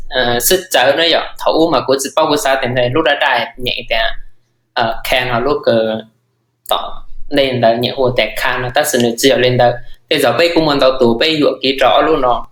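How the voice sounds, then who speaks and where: A man teaching a language lesson, repeating phrases slowly and word by word. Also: medium pitch, a bit bright, echoey room, rough recording.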